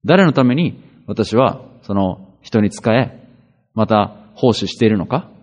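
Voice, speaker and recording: A man's voice: lowish voice, animated, slow pace, darkish tone, in a large hall. A man preaching a sermon as a pastor, in a conversational style with rhetorical questions and frequent hesitations.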